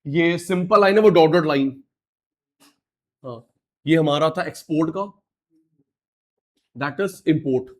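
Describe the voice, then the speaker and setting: A middle-aged man teaching a live online class, animated and coaxing, repeating key words to his students. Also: fairly high pitch, slow pace, pauses often.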